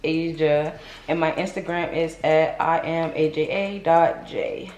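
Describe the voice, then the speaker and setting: A woman's voice: sits low, fairly even intonation, a little slow, darkish tone. A young adult woman asking questions from off camera, in a dry, matter-of-fact way. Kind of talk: off-camera interviewer. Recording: roomy room, faint noise, off-mic.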